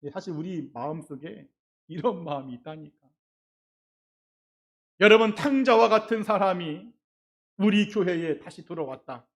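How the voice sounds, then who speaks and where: A middle-aged man, a pastor, preaching a sermon in a church, acting out quoted voices and swinging between loud and soft. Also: high-pitched, lively intonation, normal speed, long pauses. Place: church sanctuary.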